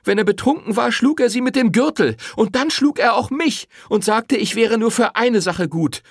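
A man reading an audiobook, voicing a furious, defiant young woman who shouts her accusations. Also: extremely high pitch, moderate pace, breathy edge, no echo, clean studio sound, voice pushed up, full character voice. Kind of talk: audiobook character voice.

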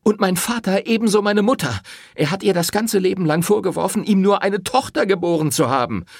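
A man reading an audiobook, voicing a furious, defiant young woman who shouts her accusations. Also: high voice, expressive, fairly quick, vocal fry, dry recording, clean studio sound, voice pushed up, heavily acted. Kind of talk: audiobook character voice.

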